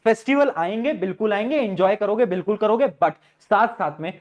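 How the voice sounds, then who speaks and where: Male teacher, high voice, fatherly and direct with students, poses questions and answers them, coaching tone. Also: fairly quick, muffled recording. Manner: coaxing, asks rhetorical questions and answers them; calls students "beta", informal and direct. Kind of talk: study-planning advice to students.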